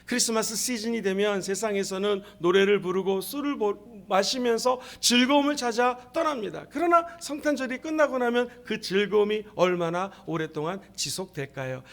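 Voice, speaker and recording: A middle-aged male guest pastor preaching a lively, jokey sermon at a university church service and calling on the congregation to respond. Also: high-pitched, normal speed, vocal fry, few pauses. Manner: animated, jokey, calls for audience response.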